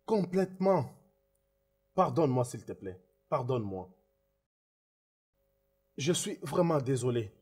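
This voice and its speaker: An actor dubbing a remorseful man in French, pleading over and over for forgiveness with a husky voice. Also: medium pitch, sing-song, slow pace, pauses often, a little mellow, heavily acted. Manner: pleading, repeating himself. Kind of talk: French film dub.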